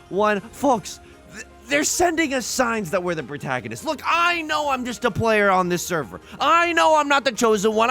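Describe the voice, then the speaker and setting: A man's voice: sits high, bright, forceful tone. A man hosting his own let's play, talking through a tile game in a rambling, self-mocking stream of consciousness into a desk microphone. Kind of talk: casual gameplay commentary.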